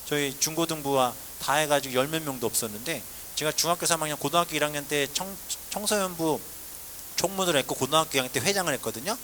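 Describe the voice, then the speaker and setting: Here a pastor from South Korea, around forty-something, relates his testimony from the pulpit, shifting between shouted exclamations and murmured asides. His pitch is fairly high, his delivery fast, and there is a little background noise.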